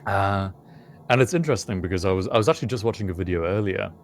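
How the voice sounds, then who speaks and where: British guy, really deep voice, thinking out loud on a podcast, lots of uhs. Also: lively intonation. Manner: thoughtful, measured, hesitant with many fillers. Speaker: podcast co-host. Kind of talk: casual chat.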